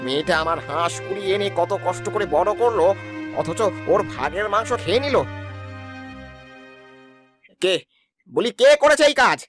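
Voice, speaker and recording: A man plays a kindly village husband in a cartoon, talking fast and coaxing his wife. His voice sits a little high. Faint music runs underneath. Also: natural voice. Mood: angry.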